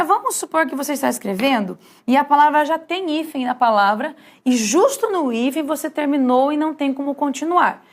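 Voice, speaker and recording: A woman teaching a writing lesson in a lively way, often checking in with her students. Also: sits high. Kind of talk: classroom lesson at a whiteboard.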